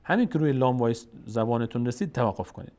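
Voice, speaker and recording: Male recitation teacher, drawn-out chanting broken by brisk explanation. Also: medium pitch, lively intonation, a little mellow. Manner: alternates drawn-out chanted syllables with quick spoken explanations. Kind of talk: tajweed lesson, spelling out and chanting verses slowly.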